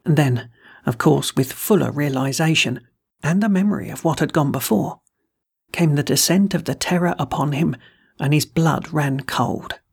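Gravelly, husky storyteller. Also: medium pitch, darkish tone. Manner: measured, deliberate storytelling. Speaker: host and reader of a horror story. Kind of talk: scripted narration of a classic ghost story.

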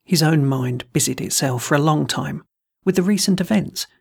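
A gravelly, husky voice reads a classic ghost story aloud. The delivery is measured and deliberate, as a host narrating a tale. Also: mid-range voice. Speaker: host and reader of a horror story.

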